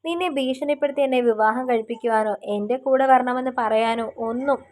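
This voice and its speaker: A woman's voice: on the high side, brisk, lightly acted. A woman voicing a tender young man in love. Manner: soft, gentle, teasing.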